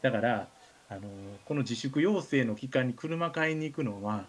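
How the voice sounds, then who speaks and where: Telling funny anecdotes as a radio host, this Kansai-accented man acts out the dialogue in animated fashion. He speaks at a normal speed, his medium-pitched voice carrying a breathy edge, in a casual, comedic chat.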